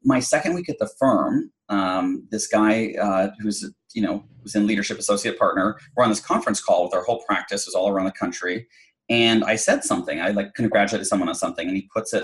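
A man's voice: lowish voice, brisk, a bit bright, poor audio. A middle-aged man telling a personal story in an interview, chatty, with many fillers and restarts. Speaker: guest.

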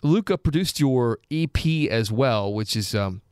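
Male host, playful, very animated pitch, dry close mic, casual chat. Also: a little slow, smooth, dry recording. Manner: playful, joking, lively questioning.

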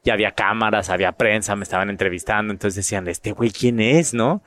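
A middle-aged man with a northern Mexican accent, talking in a casual interview. His voice sits fairly low, and he tells his stories in a lively way, often repeating a word while he searches for the next. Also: fast talker, no echo. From Monterrey, Mexico. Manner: animated, repeats words while finding them. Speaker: actor and guest.

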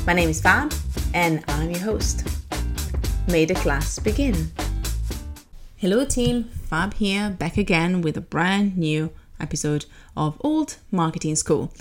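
A woman hosting a marketing podcast, introducing an episode and her guest in an upbeat, chatty way. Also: fairly low pitch. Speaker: podcast host.

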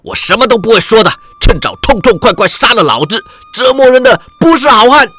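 A man's voice: a little high, very animated, moderate pace, fairly bright tone, husky, exaggerated voice. A man voicing a fierce, defiant captive Jurchen warrior who speaks with a cold, mocking sneer in a wuxia story. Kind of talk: wuxia audiobook character voice.

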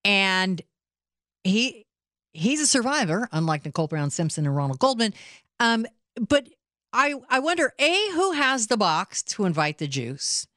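A woman's voice: medium pitch, big pitch swings, a little slow, fairly bright tone, no echo. A woman hosting live talk radio, chatty and opinionated, speaking into a studio microphone. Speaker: radio talk host, filling in.

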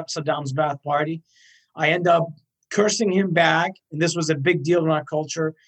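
A man in his thirties from Iraq answers interview questions with earnest force, stacking his points one after another. His voice sits a little high for a man. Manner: earnest, emphatic, repeats points in lists. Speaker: guest.

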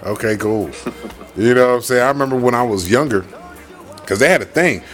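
A man's voice: medium pitch, fairly quick, a bit bright, faint music behind. An American man co-hosting a podcast, talking in brash, joking, heavily profane slang. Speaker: podcast co-host. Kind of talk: casual slangy, profane banter.

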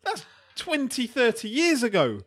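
A man's voice: extremely high pitch, wildly swooping pitch, measured pace, a bit bright. A man co-hosting a casual podcast, giving blunt, exasperated opinions. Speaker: podcast co-host.

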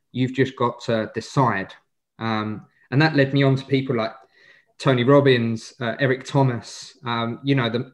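A man in his twenties with an Essex accent, giving casual, informal interview answers as a guest, often hesitating and rephrasing. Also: mid-range voice. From Essex, England. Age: 20s. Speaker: podcast guest, wealth manager.

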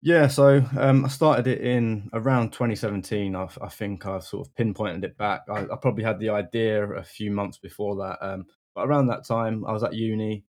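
A man's voice: fairly low pitch, fairly even intonation, moderate pace, few pauses, a little mellow. A young man with a London accent, chatting casually as a podcast guest, friendly and full of ums. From England. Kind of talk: casual interview chat.

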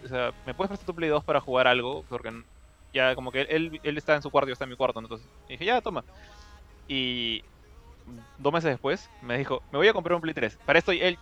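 Fast-talking Peruvian man with a bright voice. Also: medium pitch. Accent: Peruvian Spanish. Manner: rambling, many restarts, relaxed slang. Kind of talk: casual chat, storytelling.

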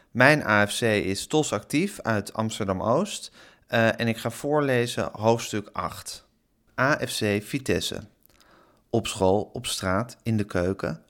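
A man who works as an interviewer takes a turn as guest reader. He reads a chapter of a children's novel in a plain, conversational way. His voice sits somewhat low. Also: fairly bright tone. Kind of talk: reading a children's novel aloud.

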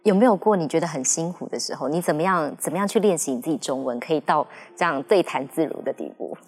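A woman's voice: deep voice, expressive, fast, darkish tone, slightly rough. A woman hosting a conversational interview, asking questions in an attentive manner. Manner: attentive, frequent brief acknowledgements. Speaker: interview host.

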